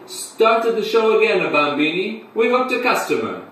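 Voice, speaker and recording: A man's voice: sits high, sing-song, moderate pace, fairly bright tone, pitched above the performer's own voice. A man voicing a boisterous male clown who speaks in an exaggerated, phony Italian accent. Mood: mocking. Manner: theatrical, exaggerated. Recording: echoey room, distant mic, faint hum.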